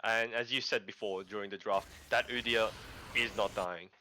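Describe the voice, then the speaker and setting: A man's voice: lowish voice, moderate pace, slight background noise. A man giving casual esports color commentary, loose and laughing with his co-caster. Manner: relaxed, laughs, casual banter.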